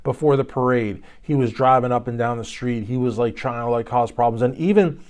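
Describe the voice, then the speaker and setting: A male YouTube host from Kentucky talks through a court case in a loose, rambling way. He drifts into joking asides and restarts, and his voice sits at an ordinary middle pitch for a man. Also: a little fast, a little mellow. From Louisville, Kentucky. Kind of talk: casual commentary.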